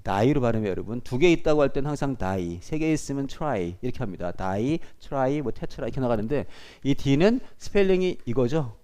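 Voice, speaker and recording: A man's voice: medium pitch, brisk, few pauses, clean tone. A man teaching a class, lecturing to students and often checking in with them. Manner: animated, addresses students directly with frequent checks.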